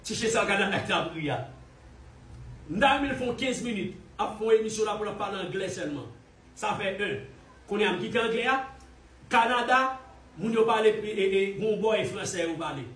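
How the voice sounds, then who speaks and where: A man from Haiti delivers a heated, scornful online commentary, mocking his target and hammering the same points over and over. His voice sits high. It comes through a roomy, echoey space with him set back from the microphone. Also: normal speed, a bit bright, slight background noise. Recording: roomy echo, distant from mic.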